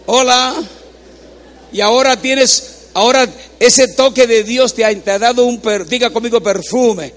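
High-voiced joking male preacher. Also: unhurried, a bit bright. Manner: joking, playful, repeats phrases for the congregation. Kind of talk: humorous sermon. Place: church.

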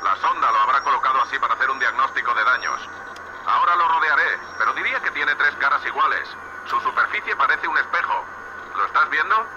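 Heard through a radio comms filter on a muffled, noisy space-suit link, a man with a Castilian Spanish accent voices a sweary, gruff space salvage boss in a sci-fi audio drama. Awed and excited by alien tech, he speaks fast in an expressive, mid-range voice.

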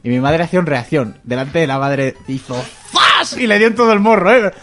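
A man telling animated anecdotes, adding sound effects and voices. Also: on the high side, brisk, soft background music. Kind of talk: casual storytelling.

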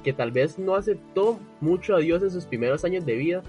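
Male co-host, higher pitch, earnest segment intros, soft music behind. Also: expressive, brisk. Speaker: podcast co-host. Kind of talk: scripted program hosting.

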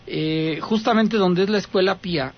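Guy hosting a call-in show, thinks out loud, kinda muffled sound. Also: sits high, moderate pace. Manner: musing, restarting. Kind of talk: talk radio chat.

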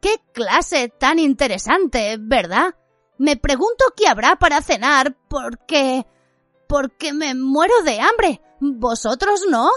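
A woman voicing a frightened teenage wizard boy who stammers in a rushed, too-high voice. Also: expressive, a bit bright, no room sound, soft background music, exaggerated voice. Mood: nervous babble. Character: anxious shaken teenage wizard boy, nervously chattering.

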